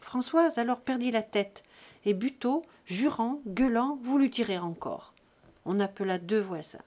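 A woman reads a classic novel aloud, her voice a little higher than most. Her narration is measured and expressive, steady through long descriptive passages. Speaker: audiobook reader. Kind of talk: scripted narration.

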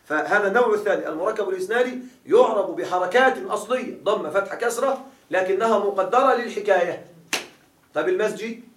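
Man teaching grammar, high voice, quizzing students, distant mic. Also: fast talker, a bit bright, a little hiss or hum. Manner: quizzing students with repeated questions. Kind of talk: classroom grammar lesson. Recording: echoey room, mic far off.

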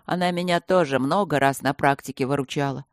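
Woman reading a cool icy elf guy, measured, low-ish voice, dry close sound. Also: no echo, lightly acted. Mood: cool, aloof. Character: young male elf mage, cool and aloof.

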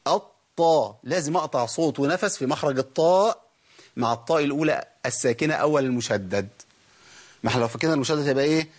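A man's voice: medium pitch, very fast. A man with an Egyptian Arabic accent teaching Quran recitation, explaining each rule and asking and answering his own questions. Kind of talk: tajweed lesson.

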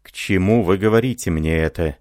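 A man's voice: low-pitched, a little fast, a little mellow, no echo, studio quality, lightly acted. A man playing an ardent, devoted young French lieutenant who speaks fervently and pleadingly.

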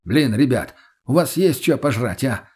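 Laid-back brash young man, voiced by a male narrator, husky, slangy, talks straight. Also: medium pitch, animated, a little slow, a little mellow. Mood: lively. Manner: blunt, offhand, street slang.

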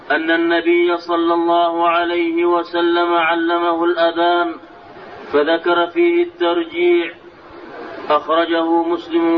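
A man reading hadith texts aloud for the sheikh, in a plain reciting manner, heard in an old recording. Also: a little high. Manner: flat recitation of the text. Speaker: student reading the text aloud. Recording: distant, dull, lo-fi old recording with faint hiss.

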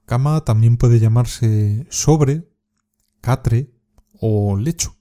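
A man from Spain teaching informal Spanish words, speaking slowly and carefully and repeating each word for practice. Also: mid-range voice, mellow. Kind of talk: scripted slang lesson with repeat-after-me drills.

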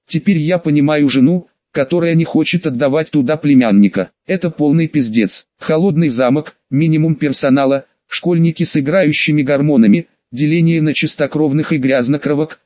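A man's voice: a little high, no echo. A man reading a first-person audiobook in a sardonic, coarse manner, swearing freely. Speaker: audiobook reader. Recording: dry, dull lo-fi sound.

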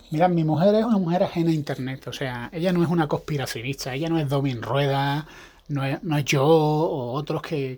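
Guy podcasting alone, kinda husky, rambles n restarts a lot. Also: a little high, darkish tone. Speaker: podcast host; evangelical pastor. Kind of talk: casual monologue.

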